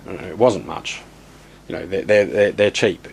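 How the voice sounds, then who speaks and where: A man giving a casual, rambling walkthrough of his home studio gear, blunt and offhand, with many ums and restarts, his voice going hoarse. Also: sits low, normal speed, a little mellow, slight background noise. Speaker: home studio tutorial host.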